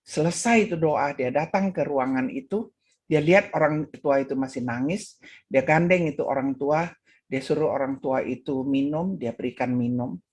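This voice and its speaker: A woman's voice: moderate pace, a little mellow. A woman with an Indonesian accent preaching at an online women's gathering, telling a story and acting out its voices. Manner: acts out voices in her story, pitch swinging high and low. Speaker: women's ministry speaker. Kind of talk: sermon with a told story. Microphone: video call.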